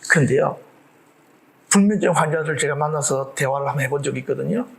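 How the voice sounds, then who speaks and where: A male pastor delivers a lively sermon, his voice pitched a little high and carrying a gravelly edge. He poses rhetorical questions to the congregation and slips into acted-out voices for the people in his story. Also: quick pace, low-quality recording. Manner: animated preaching, acts out quoted voices, rhetorical questions.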